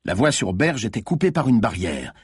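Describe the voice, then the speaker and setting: A man's voice: lowish voice, big pitch swings, normal speed, slightly rough, no room sound, clean studio sound. A man reading a thriller audiobook aloud with tense, dramatic narration.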